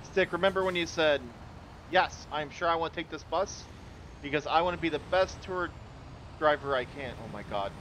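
A man's voice: on the high side, normal speed, fairly bright tone, slight background noise. A man playing a driving game with friends, teasing his buddy in running commentary. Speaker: co-op gaming friend. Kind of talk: casual gaming chat.

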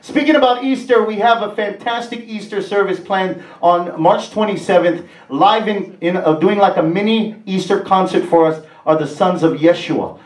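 Middle-aged pastor, Hawaiian Pidgin lilt, chatty and upbeat, roomy theater sound, heard from a distance. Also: male voice, high voice, moderate pace, hardly any pauses. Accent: Hawaiian Pidgin-tinged English. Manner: upbeat, chatty, laughing asides. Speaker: pastor and worship leader. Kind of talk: church announcements. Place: stage of a large movie theater used as a church. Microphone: handheld mic on a stand, far camera.

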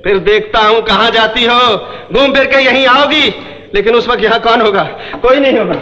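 A man's voice: very high-pitched, moderate pace, pushed and bright. An actor playing a young man, a sulky and sarcastic big brother who runs a small eatery, scolding in a wounded way. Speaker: lead film character. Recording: muffled roomy 1970s film soundtrack.

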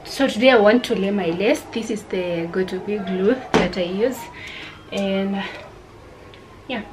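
A young woman's mid-range voice, a little slow, comes through over a noisy background. She's a vlogger with a Kenyan accent chatting casually to camera in a small room at home, dropping Swahili words into her English.

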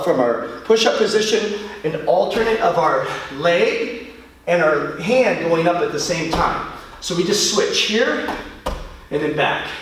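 A man's voice: high-pitched, a little hiss or hum. A middle-aged man, a martial arts instructor, leading a home workout class and counting reps aloud while he exercises. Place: large bare studio, indoors. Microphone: far camera. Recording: echoey studio from far off.

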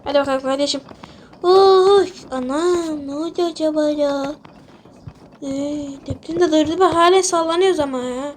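A woman role-playing panicky, excitable commentary over a sandbox game. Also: sits high, moderate pace, slight background noise. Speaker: gaming video creator.

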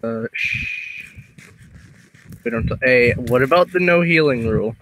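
A man's voice: medium pitch, unhurried, a bit bright, rough recording. A man joking around and firing back comebacks while playing a game. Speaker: gaming partner. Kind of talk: casual gaming chat.

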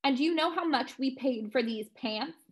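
A woman's voice: sits high, moderate pace, breathy edge. Storybook read-aloud: a woman playing a scornful, snarling schoolgirl. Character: snarling, snobby goth schoolgirl.

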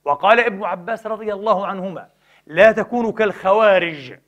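Man, preacher, high-pitched voice, impassioned lecture, emphatic, loud then hushed, rhetorical questions. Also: brisk. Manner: emphatic, swings between loud exhortation and hushed pleading; rhetorical questions answered himself.

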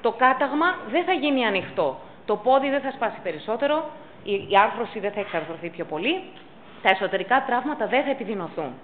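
A woman's voice: fairly high pitch, expressive, phone-quality sound, a little hiss or hum. A woman teaching pet first aid at a public talk, stressing and repeating her key points. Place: council chamber.

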